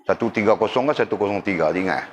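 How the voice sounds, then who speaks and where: A man teaches a religious class in a relaxed lecturing voice that sits fairly low. He keeps checking whether his listeners follow and slips in teasing jokes. A faint background hum runs under his talk. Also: fast talker.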